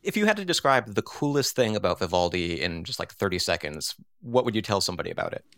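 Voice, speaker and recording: A man hosting a podcast, asking questions and reading the closing announcements in a measured, explanatory way. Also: sits low, huge pitch swings, a bit bright, no room sound, studio quality. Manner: measured, explains points at length. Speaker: podcast host. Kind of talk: interview and scripted podcast outro.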